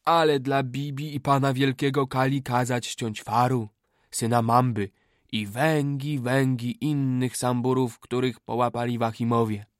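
A man's voice: medium pitch, flat delivery, unhurried, no room sound, clean studio sound, natural voice. A man voicing a humble young male king in an audiobook, speaking in broken, submissive phrases. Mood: solemn. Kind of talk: audiobook character voice.

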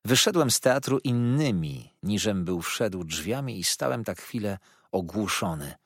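A man narrating a classic novel in the first person, with an expressive, dreamy storytelling manner and a husky voice. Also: fairly low pitch, a little slow, dry recording, studio quality. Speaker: audiobook narrator.

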